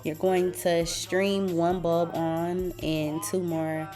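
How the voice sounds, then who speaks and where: A woman's voice: lowish voice, little pitch movement, takes it slowly, mellow, faint music behind. A woman in her apartment chatting casually to viewers as she decorates and explains, with sassy, slangy asides. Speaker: vlogger. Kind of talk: casual home vlog, tutorial. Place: apartment living room, indoors.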